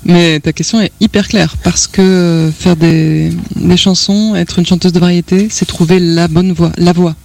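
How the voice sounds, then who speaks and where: A woman singer as a guest in a radio studio interview, talking reflectively and hesitantly, pausing often to find her words. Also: fairly low pitch, steady tone, gravelly, a little mellow. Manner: reflective, hesitant with many pauses and fillers.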